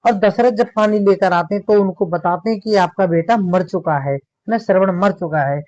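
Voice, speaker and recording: A male teacher explains classical poetry in a grammar lesson. He recites each verse slowly and deliberately, then breaks it down in plain chatty talk, often pausing to check that listeners follow. The recording is dry and sounds dull, lacking top end. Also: sits high, a little mellow, dry recording.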